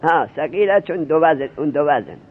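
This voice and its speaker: A man teaching grammar, firing questions at his students and walking them through each rule. His voice sits a little high for a man. The sound is thin and narrowband, like an old phone line. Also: lively intonation. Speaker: seminary teacher. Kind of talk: Arabic grammar lesson in Persian. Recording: tinny lo-fi narrowband recording.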